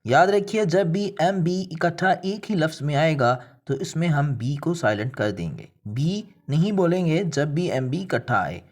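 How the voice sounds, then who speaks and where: A man's voice: on the high side, expressive, moderate pace, hardly any pauses. A man from Pakistan, an English teacher, explaining pronunciation rules step by step in a video lesson and speaking straight to his viewers.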